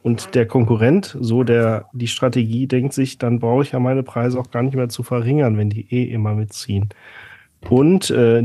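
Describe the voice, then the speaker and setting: Dark, husky man chatting on a podcast. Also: mid-range voice, no echo, clean studio sound. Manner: chatty, sarcastic storytelling with many fillers. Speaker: podcast co-host. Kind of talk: casual podcast chat.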